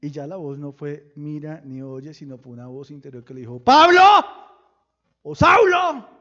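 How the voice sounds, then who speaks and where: A pastor preaching a sermon, firing questions at the congregation and breaking into sudden loud bursts. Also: male voice, medium pitch, little pitch movement, brisk, dull audio. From Colombia.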